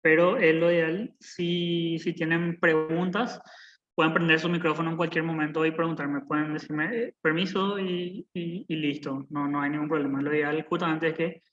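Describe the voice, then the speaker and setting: A slightly high, fairly bright voice with little pitch movement comes from a young man in his twenties teaching programming live online, speaking at normal speed. The video-call sound is muffled. He's patient, repeats points, and often asks "¿verdad?".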